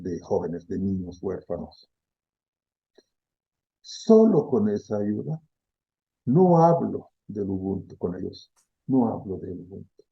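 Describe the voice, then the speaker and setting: In a muffled recording, a middle-aged man from the Democratic Republic of the Congo, a philosophy professor being interviewed, explains ideas reflectively. His voice is on the low side with a breathy edge, and he repeats key words and frequently asks "¿sí?".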